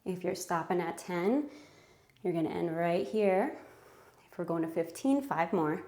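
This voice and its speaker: A woman's voice: lowish voice, unhurried, mellow, reverberant. Breathless woman coaching a home workout. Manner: encouraging, counts reps, chatty asides. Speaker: fitness instructor. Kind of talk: guided home workout instruction. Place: home room.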